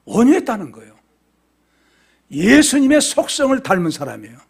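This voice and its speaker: A middle-aged man preaching with a fairly high, husky voice that rises and falls widely. He poses questions and answers them himself, going from loud exclamations down to near-whispers. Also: huge pitch swings, fairly quick. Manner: swings between loud exclamations and quiet drops. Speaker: pastor. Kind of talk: expository sermon.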